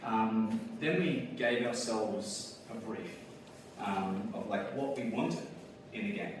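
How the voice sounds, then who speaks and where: Speaking slowly, an Australian board game designer with a lowish voice delivers a laid-back conference talk peppered with ums and light laughter. Because he sits well back from the mic, his words ring around a large, echoey hall over a constant background hiss.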